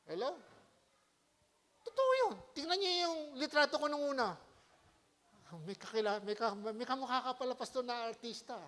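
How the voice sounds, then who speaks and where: Man, very high voice, pastor, sermon, loud then hushed, rhetorical checks. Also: fairly quick. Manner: animated, keeps asking the congregation "Hello?"; swings between loud exhortation and quiet, low asides. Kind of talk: preaching a sermon. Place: church.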